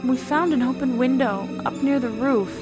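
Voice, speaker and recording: A man voicing a halting, grieving older nun. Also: very high-pitched, over loud music, pitched above the performer's own voice. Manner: slow, halting, with obvious difficulty.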